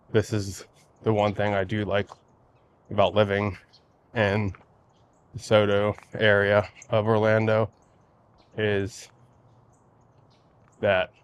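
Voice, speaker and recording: A man talking casually to his vlog as he walks outdoors, musing and halting as he goes. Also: fairly low pitch. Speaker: vlogger. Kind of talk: casual walking vlog chat. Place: outdoors, walking by lakes in a neighborhood before sunrise. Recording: outdoor ambient noise while walking.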